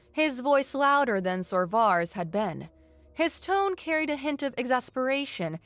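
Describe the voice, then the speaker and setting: A woman reads a science fiction story in a measured, descriptive way. Her voice sits a little high. She paces each scene steadily. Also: fairly bright tone, dry recording. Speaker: narrator. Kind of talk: scripted narration.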